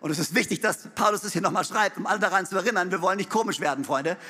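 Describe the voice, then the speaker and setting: A male pastor preaching a sermon. He speaks emphatically, building to loud repeated refrains, with playful asides and laughs. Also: high voice, racing.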